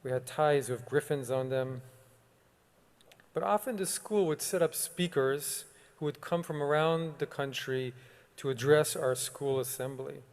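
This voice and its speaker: A man, a rabbi, delivering a solemn, measured sermon with long pauses. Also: a little high. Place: synagogue sanctuary. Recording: long reverb of a large sanctuary.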